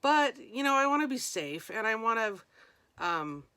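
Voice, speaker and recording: A woman's voice: on the high side, very animated, normal speed, bright, forceful tone, smooth, no room sound. A woman talking casually for a vlog as a hiker, chatty and informal, thinking aloud as she goes. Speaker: vlogger, hiker.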